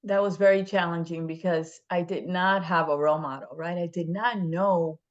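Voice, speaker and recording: A woman's voice: lowish voice, fairly even intonation, normal speed, lo-fi sound. A woman from the Dominican Republic, a guest in an interview, speaking earnestly and emphatically and often adding "right?". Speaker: guest, state legislator.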